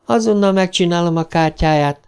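A man's voice: high voice, darkish tone, clear, resonant tone, pitched above the performer's own voice. A man voicing a polite, helpful young woman working as a librarian.

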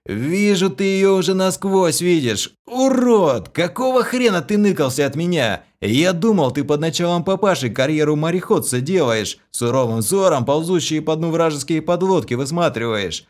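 A man voicing a rowdy, hulking young brute who shouts crudely and boisterously. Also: medium pitch, sing-song, measured pace, voice pushed up.

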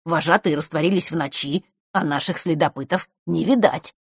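A woman's voice: deep voice, moderate pace, husky, dry recording, studio quality. Woman doing a drawling lazy camp boy. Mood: grumbling. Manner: drawling, grumbling.

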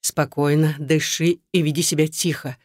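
A woman voicing a calm, firm man who gives orders over the phone to a girl in danger, in a story read aloud. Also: low-pitched, normal speed, no room sound, clean studio sound. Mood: firm, commanding. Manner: firm, commanding, steady. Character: calm, firm middle-aged male rescuer on the phone.

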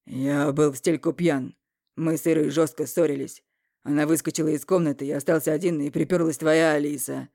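A woman voicing a scheming, mocking young man in an audiobook, speaking loudly and evasively. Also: deep voice, fairly even intonation, brisk, gravelly, no echo, studio quality. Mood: defiant. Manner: loud, evasive, sneering. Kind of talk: audiobook character reading.

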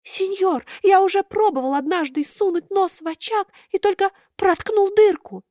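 Woman doing a shrill whining wooden puppet boy. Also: normal speed, mellow, no echo, studio quality. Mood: pleading. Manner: thin plaintive wailing voice.

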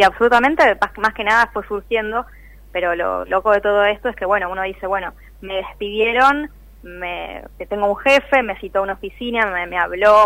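Speaking with a Rioplatense Argentine accent, this layoff-tracking activist answers a radio interviewer spontaneously, explaining in earnest detail in a conversational way. Her voice is medium-pitched and a bit bright. There's no room sound, and the audio quality is low.

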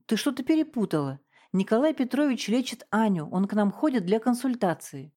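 A shrill, defensive young woman, as a woman reader puts her on, her voice pitched high and rising sharply as she pushes back. The delivery is trembling and quick to flare, from a spoken storybook. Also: very animated, warm tone. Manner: trembling then shrieking.

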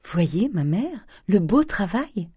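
A man raising his voice into a shy young woman from a classic novel, earnest and eager. Her lines climb high in a mellow, dry voice. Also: sing-song, slow pace, breathy edge, dry recording, heavily acted.

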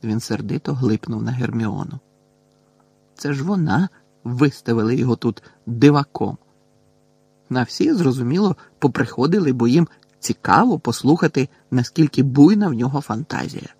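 Male narrator, husky voice, dry close sound, steady storytelling. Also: medium pitch, normal speed, dry recording. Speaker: audiobook narrator. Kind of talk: audiobook narration.

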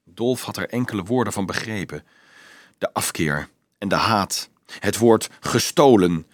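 A man narrating a storybook in a steady, measured reading voice. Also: on the low side, dry recording. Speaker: audiobook narrator.

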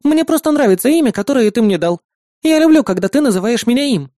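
A man's voice: very high-pitched, lively intonation, fast talker, mellow, no echo, clean studio sound, pitched above the performer's own voice. A man voicing a sweet, devoted young girl, the narrator's little sister, who talks in an affectionate, pleading way. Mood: tender.

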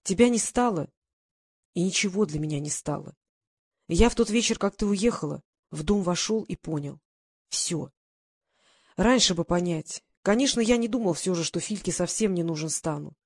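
A woman's voice: lowish voice, normal speed, a little mellow, dry recording, studio quality. Woman voicing a weary aging ex-convict man. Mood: heartfelt.

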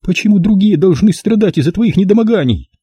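A man's voice: sits high, animated, a little fast, warm tone, husky, dry recording, voice pushed up. A man voicing a fussy, anxious middle-aged mother who nags her grown son in an audiobook. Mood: fretting. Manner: smothering, nagging. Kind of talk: audiobook character voice.

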